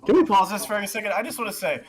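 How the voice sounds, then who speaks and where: A man's voice: high-pitched, animated, rapid-fire, over music. A man chatting with friends while they play a story game, rambling with lots of fillers, swearing and sarcastic jokes. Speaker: co-player on a stream. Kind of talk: casual banter.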